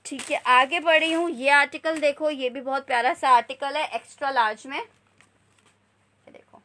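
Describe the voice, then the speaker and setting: Female live-stream seller, high-pitched and sharp-edged, repetitive pitch, informal asides to buyers. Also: steady tone, fairly quick. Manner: repetitive selling patter, repeating prices and sizes. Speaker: live online clothing seller. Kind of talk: live sales presentation with casual chat to viewers.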